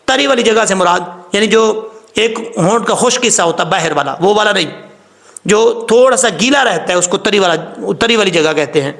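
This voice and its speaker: A man teaching Quran recitation rules, patiently explaining step by step, spelling out sounds slowly and repeating rules about common mistakes. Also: high voice, lively intonation, gravelly, a bit bright. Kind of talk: tajweed lesson.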